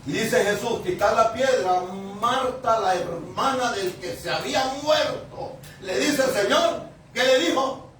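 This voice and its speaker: A male pastor preaching a conversational Bible sermon, often chuckling, addressing the congregation and rising to sudden shouts for emphasis. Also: very high-pitched, animated, measured pace, distant mic. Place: church sanctuary. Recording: very echoey room, mic from afar.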